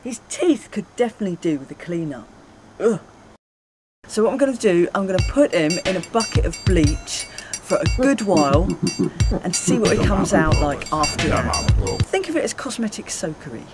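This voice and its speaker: A woman's voice: lowish voice, big pitch swings, moderate pace, over loud music, poor audio. Woman, thirties, casual vlog, outdoors, camera mic, squeamish, self-amused. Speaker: vlogger. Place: back garden outdoors.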